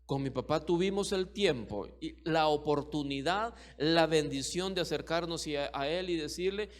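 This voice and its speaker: A man's voice: a little high, normal speed. A middle-aged man preaching a sermon as pastor, emphatic and repetitive, full of rhetorical questions.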